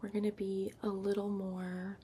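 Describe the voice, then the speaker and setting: A woman giving an unhurried ASMR ramble in a hushed whisper and soft voice, recorded up close on a laptop microphone. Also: medium pitch, completely flat delivery. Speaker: ASMR vlogger. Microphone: built-in laptop microphone, up close. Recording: lo-fi laptop microphone, clear background noise. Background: tapping and keyboard-like scratching sounds.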